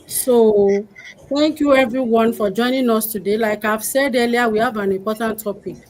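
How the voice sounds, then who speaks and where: A woman's voice: a little high, moderate pace, a little mellow, a little hiss or hum, low-quality recording. A woman from Nigeria, hosting a live-stream talk with upbeat, welcoming greetings. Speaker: host of a live panel.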